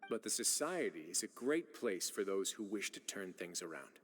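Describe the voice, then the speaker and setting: A man playing a composed, dryly polite official who speaks in a measured, formal way. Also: deep voice, big pitch swings, a bit bright, slight background noise.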